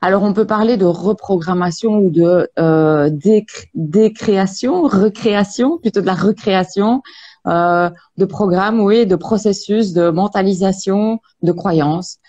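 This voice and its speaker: A woman practitioner explaining energy healing in an interview, speaking calmly with many hesitations. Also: mid-range voice, dull audio. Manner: calm, measured, many hesitations. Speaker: Access Bars practitioner, guest.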